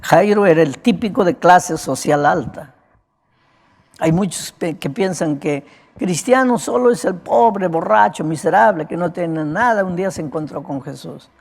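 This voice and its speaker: His voice sits high, creaky, cracked and broken, and he speaks a little slowly as an evangelist delivering a sermon. Preaching conversationally, he keeps checking in with the audience by asking "right?", and he is prone to coughing.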